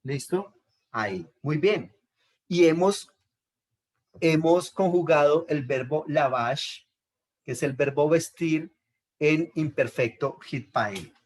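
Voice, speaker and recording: A man's voice: on the high side, slow, long pauses, darkish tone. A male teacher, leading a step-by-step grammar lesson. He patiently repeats each point and checks in with his students.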